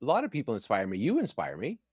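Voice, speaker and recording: A man's voice: medium pitch, wildly swooping pitch, fast, breathy edge, dry recording. A man hosting a casual live chat show, laughing easily and poking fun at himself. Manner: laughs often, chatty, self-deprecating. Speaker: show host.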